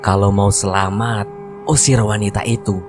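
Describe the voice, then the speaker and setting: A man voicing a vengeful long-haired female ghost who gives harsh commands, over soft music. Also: fairly low pitch, steady tone, moderate pace, close to an everyday voice. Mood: whispering threat.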